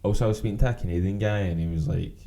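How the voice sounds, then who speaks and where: A man's voice: deep voice, rapid-fire, creaky, dark tone, a little hiss or hum. A man with a broad Scottish accent from Glasgow, chatting casually in slang and swearing as he rambles through stories. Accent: broad Glaswegian Scottish. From Glasgow, Scotland. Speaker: podcast host.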